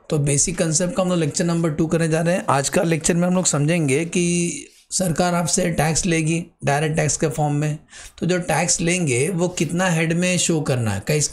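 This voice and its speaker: A man in middle age with an Indian accent gives a tax lecture in a voice pitched a little above the usual for men. He talks to students as "beta", quizzing them and answering himself. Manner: addresses students as "beta", asks and answers his own questions. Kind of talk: classroom lecture.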